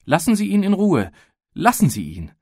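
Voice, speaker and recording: A man's voice: mid-range voice, very animated, slow pace, no room sound, pitched above the performer's own voice. A man voicing a shy little girl who answers barely audibly and then pleads close to tears. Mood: tearful pleading.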